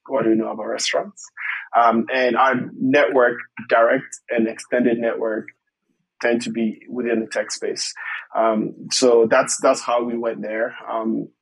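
A man's voice: mid-range voice, creaky, husky, rough recording. A man from Togo, answering interview questions as a podcast guest in a hesitant, explanatory manner. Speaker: podcast guest, startup investor.

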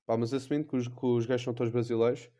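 A young man with a European Portuguese accent riffs through a comic podcast monologue. He is rambling, slangy and crude, full of fillers. His voice is mellow and of middling pitch. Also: level tone, racing. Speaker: podcast host.

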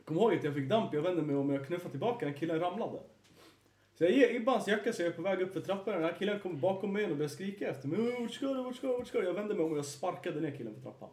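A young man hosts a casual podcast, rambling through an animated story with plenty of swearing. His voice sits fairly high for a man. The room around him is roomy and echoey. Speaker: podcast host. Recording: roomy echo.

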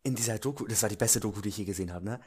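A man's voice: fairly low pitch, rapid-fire, darkish tone, husky. A man co-hosting a casual podcast chat, playful and teasing, often laughing. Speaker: podcast co-host.

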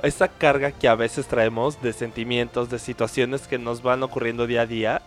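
Man hosting a casual podcast. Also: mid-range voice. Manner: conversational, many fillers and "no?" tags.

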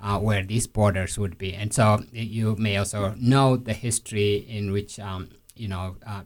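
Guy from south sudan answering interview questions, lowish voice, lots of uhs and restarts. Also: steady tone, measured pace. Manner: thoughtful, hesitant with many fillers and restarts. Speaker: interview guest. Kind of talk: conversational interview.

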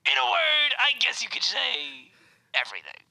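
A man's voice: very high voice, huge pitch swings, moderate pace, creaky, bright, forceful tone, voice pushed up, heavily acted, poor audio. A man voicing a fussy male podcast-factory switchboard operator who rambles, hesitates and drops into whispers in a comedic improv bit. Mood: conspiratorial.

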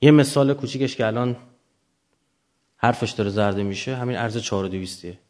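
A man gives an extemporaneous lecture in a mid-pitched voice. He explains things didactically, setting up questions and then answering them as a teacher does with students. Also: darkish tone.

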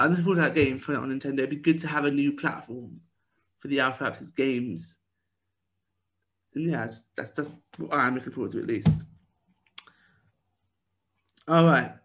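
A man's voice: mid-range voice, fairly bright tone. A man co-hosting a casual podcast, rambling with lots of fillers as he chats. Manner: rambling, with many fillers and restarts. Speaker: podcast co-host.

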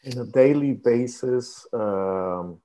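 Slow, dark-voiced pastor from Costa Rica. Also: male voice, mid-range voice. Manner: hesitant, many fillers and restarts. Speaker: pastor, guest. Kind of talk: casual interview talk.

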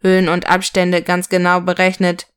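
A woman's voice: fairly low pitch, monotone, normal speed, clean tone, natural voice. A woman voicing a logical male robot Santa toy in a storybook, talking in clipped third-person sentences. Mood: matter-of-fact.

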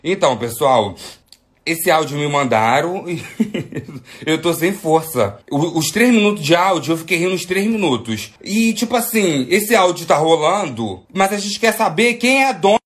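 A man hosts a gossip show in an amused, chatty way. He laughs often while commenting on a voice message he plays. His voice sits high for a man. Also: animated, moderate pace, a bit bright. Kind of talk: casual commentary on a played audio.

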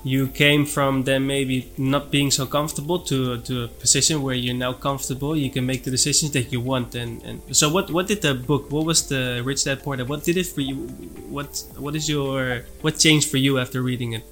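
A man's voice: medium pitch, fairly even intonation, normal speed, few pauses, fairly bright tone, faint music behind. A man hosting a real estate podcast, upbeat and friendly as he introduces a guest. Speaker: podcast host.

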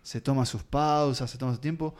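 A man hosts a casual film discussion. He steers the conversation and wanders through his points with fillers. His pitch sits at an ordinary middle height. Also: fairly even intonation, brisk, a little mellow. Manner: leads the talk, rambling with fillers.

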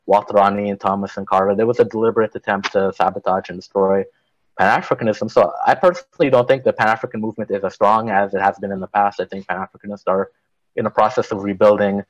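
Low-voiced man from Guyana, measured. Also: fairly even intonation, highs cut off. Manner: measured, thoughtful explaining. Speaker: author and activist guest. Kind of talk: interview answers.

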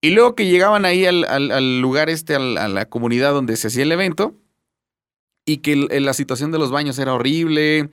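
A man's voice: a little high, lively intonation, a little fast, clean tone, dry recording, clean studio sound. A man with a Mexican accent, chatting casually and joking, with a lot of fillers. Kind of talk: casual chat.

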